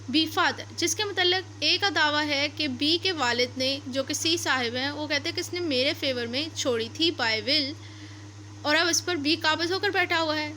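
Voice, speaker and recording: A law lecturer with a high-pitched, pushed, bright voice reads passages aloud, then explains them step by step, repeating and rephrasing her points. A little hiss or hum is audible.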